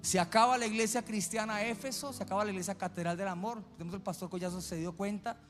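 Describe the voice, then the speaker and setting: A high-voiced male pastor preaches and tells stories theatrically. The church hall gives his voice a long echo, with faint music behind him. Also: steady tone, fast, fairly bright tone. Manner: dramatic storytelling. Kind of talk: sermon.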